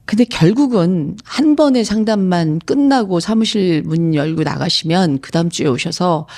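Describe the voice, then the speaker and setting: A woman's voice: on the low side, lively intonation, moderate pace, darkish tone. A woman in her fifties, a psychological counselor, reading out a viewer's letter and answering it in an earnest, reflective radio-style talk. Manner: earnest, reflective, emphatic at times.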